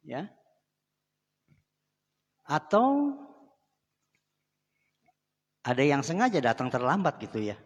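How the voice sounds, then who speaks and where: A man preaching a sermon in a church, chatty and direct, often turning to the congregation with asides. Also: medium pitch. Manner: conversational preaching, often addressing the congregation as saudara. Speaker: pastor. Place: church sanctuary. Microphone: live microphone. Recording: long church hall reverb.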